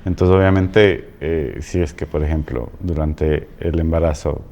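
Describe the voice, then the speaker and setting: A man guest coach talking in a halting way, repeating words and checking in with "¿no?". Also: extremely low pitch, fairly even intonation, gravelly, dark tone, muffled recording. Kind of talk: casual conversation.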